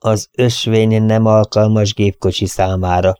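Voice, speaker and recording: A man's voice: lowish voice, little pitch movement, a little mellow, smooth, no echo, clean studio sound, close to an everyday voice. A man reading a stern impatient governor. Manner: brusque and commanding.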